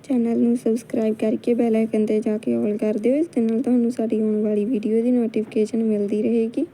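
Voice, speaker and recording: A woman with a Punjabi accent, calmly explaining a cooking recipe step by step as a channel host. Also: on the high side, fairly quick, a little hiss or hum, rough recording. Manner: calm step-by-step instruction. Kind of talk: cooking tutorial narration.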